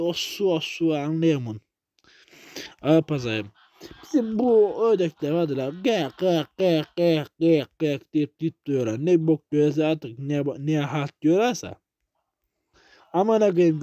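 A young man with a Turkish accent giving loose gameplay commentary, swearing freely and breaking into sudden loud outbursts. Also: fairly high pitch. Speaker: gaming YouTuber.

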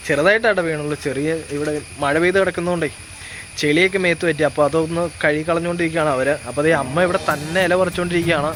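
Here the vlogger's voice is low-pitched and steady, and she talks very fast, with lots of fillers, addressing viewers directly in a chatty way. She's out with family near a temple and jackfruit tree, later cooking in her home kitchen, with a faint hiss or hum in the background.

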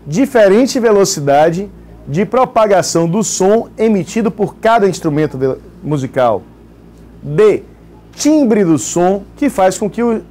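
High-voiced Brazilian co-teacher. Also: male voice, dark tone, a little hiss or hum. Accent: Brazilian Portuguese. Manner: jokey, reads out audience towns. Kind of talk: live exam-prep class broadcast.

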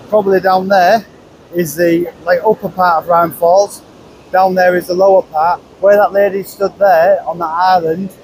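Outdoors at a car park and along a riverside path, a man with a high, somewhat dark voice narrates a casual travel vlog. He chats into a handheld camera, rambling and restarting, and the low-quality recording carries a faint hiss or hum.

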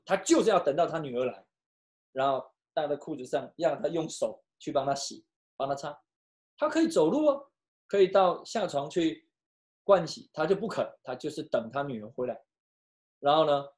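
A pastor preaching and telling a story, switching between hushed and loud delivery, with some halting restarts. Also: mid-range voice. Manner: emotional, with sharp swings from hushed to loud. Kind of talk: storytelling sermon.

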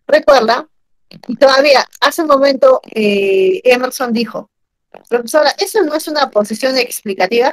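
A woman teaching grammar in an online class, animated and asking her students questions often. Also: fairly high pitch, dry recording, poor audio.

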